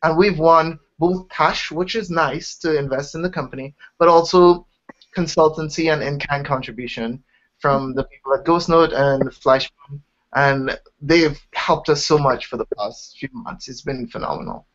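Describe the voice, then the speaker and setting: Speaking at a moderate pace with a higher, fairly bright voice, the young founder from Trinidad and Tobago eagerly shares his startup journey in his Trinidadian accent, often backing up to restart a sentence. The casual interview has a dull lo-fi recording quality.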